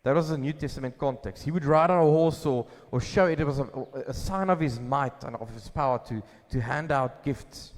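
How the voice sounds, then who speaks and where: A pastor preaching a sermon at a pulpit microphone, asking questions and answering them himself with emphasis. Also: male voice, mid-range voice, fairly quick, hardly any pauses. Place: church hall. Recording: long hall reverb.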